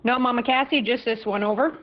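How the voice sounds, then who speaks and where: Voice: mid-range voice, brisk. A convoy trucker making clipped CB-style radio calls over a push-to-talk channel, using handle names and ending with "over". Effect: CB-style radio call over a push-to-talk channel. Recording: muffled lo-fi radio line with vehicle noise.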